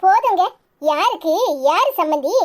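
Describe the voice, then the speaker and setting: A woman voicing a proud, sharp-tongued groom's mother in a cartoon, with a Tirunelveli accent, scolding the other family. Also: very high voice, lively intonation, moderate pace. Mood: scornful. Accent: Tirunelveli Tamil. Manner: scolding, indignant.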